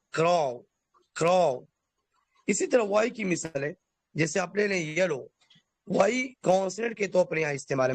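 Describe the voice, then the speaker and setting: A man teaching a basic English lesson, explaining letter sounds and spelling words out slowly letter by letter. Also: fairly high pitch, no room sound. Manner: addresses listeners formally.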